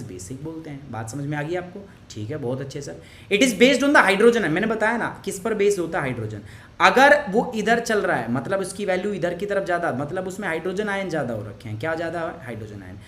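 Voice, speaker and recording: A man's voice: fairly high pitch, slight background noise. A male teacher walks his students through a science lesson, throwing out questions and answering them himself. He works English phrases into his sentences and patiently goes back over points. His voice rings with the echo of a bare room. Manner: patient, repeats explanations.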